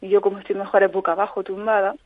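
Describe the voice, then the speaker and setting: A woman tells her story in an interview. She speaks earnestly, pausing and restarting often. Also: medium pitch, level tone, no echo. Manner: earnest, halting, frequent restarts. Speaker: guest, mother living with chronic pain. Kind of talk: personal account in a call-in interview. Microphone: telephone. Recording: tinny phone line on radio.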